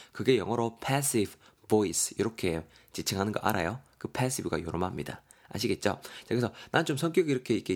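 Male vocab teacher, friendly, low-pitched, spells words out. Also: a little mellow. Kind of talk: podcast vocabulary lesson.

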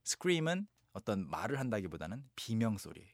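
A middle-aged man teaching English on the radio, calm and patient as he explains each word. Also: fairly low pitch, normal speed, no room sound, clean studio sound.

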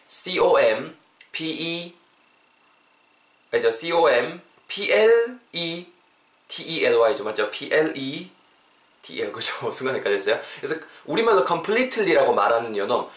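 A man hosting a casual English lesson podcast, animated and mixing English phrases into his explanations. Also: mid-range voice. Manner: animated, spells words out, mixes English phrases. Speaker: English teacher podcast host. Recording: roomy echo.

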